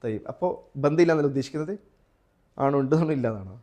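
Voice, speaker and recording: A Malayali man leads a live tajweed class in a fairly high voice. He keeps asking his students questions and breaks into slow, drawn-out chanting of example verses. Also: animated, dark tone. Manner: asks students questions, then chants Quran examples slowly. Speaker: tajweed teacher.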